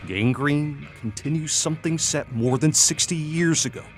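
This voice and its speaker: A man narrating a scripted TV news feature as a reporter, with playful dramatic storytelling and deliberate pauses. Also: fairly high pitch, faint music behind.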